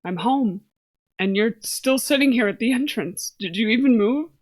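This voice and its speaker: A woman voicing a tired young woman who speaks in a flat, matter-of-fact way. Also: fairly high pitch, normal speed, lightly acted.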